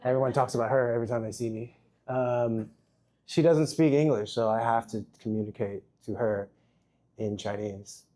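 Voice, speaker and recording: A young man from Los Angeles speaks as a panel guest with joking, self-deprecating asides. He tends to ramble a little, in a mid-pitched voice. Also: normal speed, dark tone. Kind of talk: live panel conversation.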